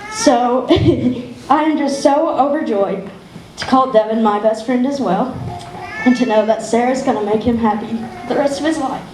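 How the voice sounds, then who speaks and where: A woman's voice: a little high, moderate pace, a little mellow. Tearful young woman giving a wedding toast. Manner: laughing often, emotional, close to tears. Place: wedding reception room. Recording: echoey room, distant mic, faint noise.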